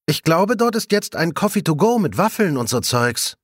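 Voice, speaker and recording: A gossipy, cheerful policewoman, as a male reader puts her on, pitched well up with a husky, animated lilt. She rattles along in a chatty, giggly way, read like a storybook. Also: normal speed, no echo, clean studio sound.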